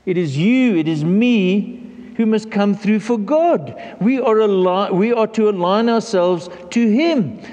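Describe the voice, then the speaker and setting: High-voiced man preaching in a reverberant hall. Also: a little slow, darkish tone. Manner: earnest, emphatic preaching with repeated words and restarts. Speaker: pastor. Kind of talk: sermon.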